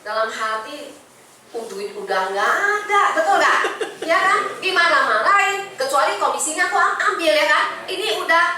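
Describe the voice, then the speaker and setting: A woman's voice: high voice, bright, forceful tone. A middle-aged woman with an Indonesian accent, giving a chatty motivational talk to an audience and often asking them questions. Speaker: insurance agency director giving a talk. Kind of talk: motivational sharing session to an audience. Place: meeting room with an audience. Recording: echoey room, voice from a distance.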